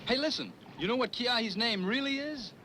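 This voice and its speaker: An actor playing a good-humoured young explorer who jokes and teases, in an old dubbed film. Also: male voice, extremely high pitch, lively intonation, fairly quick, sharp tone, a little hiss or hum, exaggerated voice, poor audio. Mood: playful. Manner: joking, teasing. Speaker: expedition member. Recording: old film dub over music.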